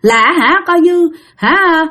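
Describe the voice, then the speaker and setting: A woman voicing a shrill, vindictive middle-aged woman who curses. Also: animated, slow pace, exaggerated voice. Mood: furious. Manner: shrill, spiteful, shouting curses.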